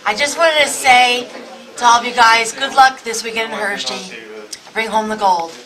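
A woman's voice: on the high side, normal speed, bright, forceful tone. A woman offering a simple, sincere good-luck wish. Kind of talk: recorded good-luck message. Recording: distant mic, hiss.

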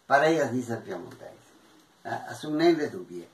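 A man from Argentina teaching a language class, who repeats example phrases slowly and mixes languages as he explains. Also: mid-range voice, big pitch swings, vocal fry. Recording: echoey room, distant from mic.

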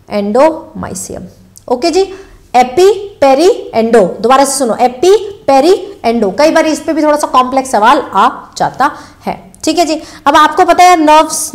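A young Indian woman giving a live biology lecture, mixing English terms into Hindi, calling students "beta" and quizzing them by repeating key answers. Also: sits high. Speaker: biology teacher. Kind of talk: live online exam-prep lecture.

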